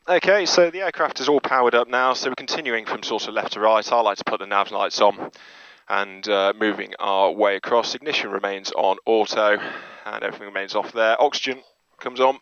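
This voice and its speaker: A man presenting himself as a pilot works through a hands-on cockpit procedure one item at a time inside a small turboprop. His medium-pitched voice is brisk and fairly bright with fairly even intonation, and the recording sounds dry yet muffled, with aircraft noise clearly audible.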